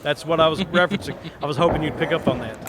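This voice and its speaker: High-voiced joking wrestling color man. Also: very fast. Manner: jokey, teasing, fond of outdated references. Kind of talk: live wrestling commentary. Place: commentary desk at an indoor wrestling show in an education center. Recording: loud crowd and heavy background noise.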